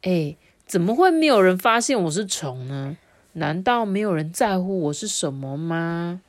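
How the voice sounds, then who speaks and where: A woman voicing a small boy turned into a beetle, speaking slowly and hesitantly in a read-aloud storybook. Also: on the low side, very animated. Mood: sad.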